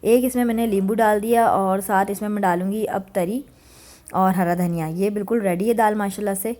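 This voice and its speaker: A woman's voice: mid-range voice, fairly even intonation, a little fast, mellow. Chatty woman narrating home cooking. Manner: chatty, homely, mixes English words in. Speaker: cooking vlogger. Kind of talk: casual voice-over narration. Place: home kitchen.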